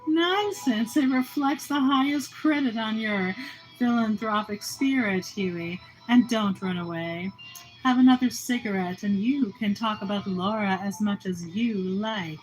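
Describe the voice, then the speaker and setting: A woman's voice: mid-range voice, measured pace, faint music behind, close to an everyday voice, rough recording. A woman reading the lines of a young man who teases his friend in a jovial, bantering way. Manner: teasing and jovial.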